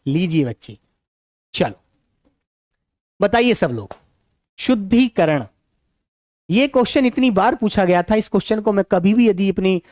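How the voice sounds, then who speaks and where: Calm man teaching with a sore throat. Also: high voice, dry recording, studio quality. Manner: calm, unhurried, affectionate to students. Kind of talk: online exam-prep class.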